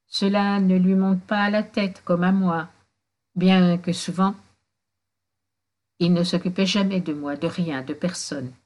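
A woman voicing a remorseful young man who drinks, speaking sadly in halting phrases in a storybook reading. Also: fairly low pitch, fairly even intonation, a little mellow, lightly acted. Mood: confessing. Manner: halting, contrite, sad.

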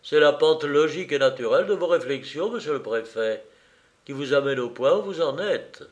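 A man reading the part of a calm, self-assured gentleman detective in an audiobook, measured and quietly insistent. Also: a little high, lightly acted.

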